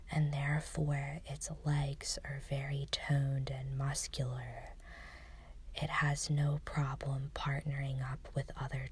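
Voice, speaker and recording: A woman whispering deadpan jokes in an ASMR style, in a breathy voice with a deliberate delivery. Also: rumbling low, slight background noise. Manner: slow, deliberate delivery with short list items.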